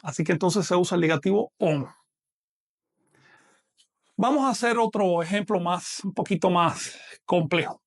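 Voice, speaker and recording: A man's voice: high voice, moderate pace, long pauses. A man teaching a live online lesson, patiently explaining step by step and asking questions that he then answers himself.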